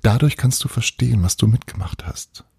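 Cheeky playful boy, a man voicing him, audiobook figure, teasing, breezy, reassuring, gravelly, dark tone. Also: medium pitch, a little fast, no echo, studio quality, voice pushed up.

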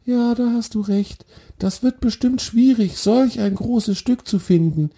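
A man's voice: measured pace, breathy edge, exaggerated voice. A man doing a dreamy little deer. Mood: dreamy, wistful. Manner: high, soft and wistful. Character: dreamy young male deer, gentle.

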